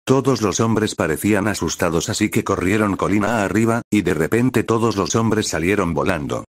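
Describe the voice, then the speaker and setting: A man reads a fan story aloud at a steady, flat pace, tripping over a word now and then. His voice sits low. The recording is dry, with no sound of the room. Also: moderate pace, no room sound. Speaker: reader of fan fiction.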